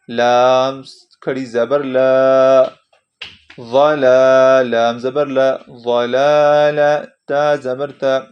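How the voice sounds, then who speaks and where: A man leads a word-by-word Quran spelling lesson, naming each letter and its vowel before blending them. His delivery stays flat and level throughout. The recording sounds dull and lo-fi. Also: medium pitch, clean tone. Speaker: Quran teacher.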